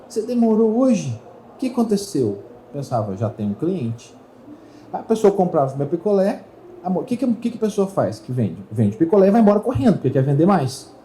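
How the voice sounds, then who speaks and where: A man's voice: fairly high pitch, slight background noise, rough recording. A middle-aged man tells a story to an audience at a trade fair, acting out the voices of the people in it. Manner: animated storyteller who acts out voices in dialogue. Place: talk stage at a trade fair.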